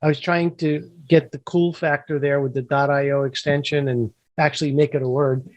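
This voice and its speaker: A man's voice: fairly high pitch, little pitch movement, moderate pace, darkish tone, dry recording. A man who is a guest on a podcast, explaining his work with confident, upbeat salesmanship. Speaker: guest, software founder. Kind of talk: interview explanation.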